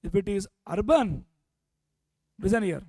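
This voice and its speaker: A man's voice: high-pitched, expressive, measured pace, a little mellow, dry recording, studio quality. A man with an Indian accent lecturing a revision class, prompting students with repeated questions and dropping Hindi phrases into his English. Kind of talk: interactive exam revision lecture.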